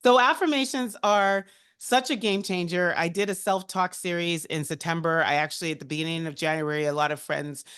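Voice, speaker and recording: A woman speaking as a guest on a career talk, telling personal stories in an animated, heartfelt and chatty way. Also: fairly low pitch, fairly quick, clear, resonant tone.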